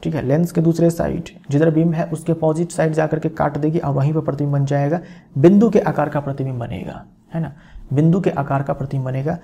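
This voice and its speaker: A man teaching a physics lesson in a somewhat high yet dark, mellow voice with a gravelly edge. He explains step by step, repeating key phrases and checking that his students follow. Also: fairly even intonation, a little fast.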